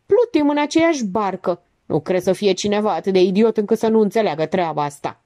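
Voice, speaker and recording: A woman's voice: mid-range voice, animated, warm tone, lightly acted. A woman doing a curt, commanding man. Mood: tense. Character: tense, commanding man, bossy and brutal.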